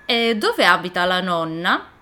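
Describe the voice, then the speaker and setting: A woman's voice: fairly low pitch, sing-song, a little slow, bright, forceful tone, heavily acted. A woman voicing a cunning male wolf in a storybook reading, asking sly questions and snapping when pushed.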